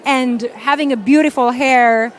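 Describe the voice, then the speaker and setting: A woman's voice: sits high, steady tone, a little slow, a little hiss or hum, poor audio. A woman co-hosting a red carpet with gushing, effusive, complimentary chatter.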